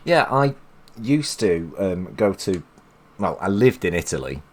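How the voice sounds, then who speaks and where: An English man hosting a live stream rambles through casual chat, full of restarts and fillers. His voice sits low and is very animated, though he talks a little slowly.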